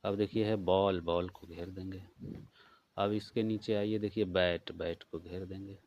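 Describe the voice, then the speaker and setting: Male tutor, Bihari Hindi accent, low voice, unhurried letter-by-letter spelling. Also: steady tone, highs cut off. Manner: spells words out letter by letter, slow and patient. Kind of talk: workbook walkthrough lesson.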